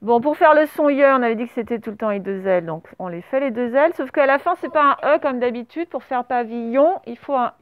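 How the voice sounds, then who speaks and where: Give me a woman teacher with a high voice dictating words syllable by syllable, recorded dry and narrow like over a phone. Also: smooth, dry recording. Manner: slow, syllable-by-syllable dictation, spelling letters aloud; speaking through a face mask. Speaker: primary school teacher. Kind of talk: spelling dictation lesson. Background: traffic noise through open doors.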